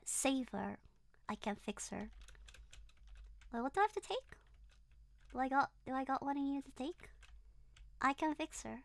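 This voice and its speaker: A young virtual streamer with a non-native English accent, English not being her first language, provides live commentary on a horror game and reads her chat. Her voice sits high, creaky and sharp in tone. Game music runs underneath as she talks to viewers, shrieking and giggling whenever she gets a fright.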